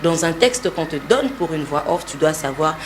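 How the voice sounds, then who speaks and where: A woman's voice: sits low, expressive, normal speed, noisy background. Confident woman explaining voice-over. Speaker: voice-over artist and trainer. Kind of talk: interview conversation.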